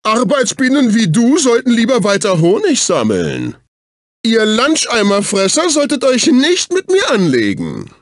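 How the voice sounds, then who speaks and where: Voicing the same kind of fussy, snobbish, servile executive assistant in a dubbed cartoon game, this male actor pitches his voice very high, swooping it wildly while keeping an unhurried pace. The heavily acted, prissy, condescending lines are exclaimed with an indignant, haughty air, captured on a close studio microphone in clean sound without echo.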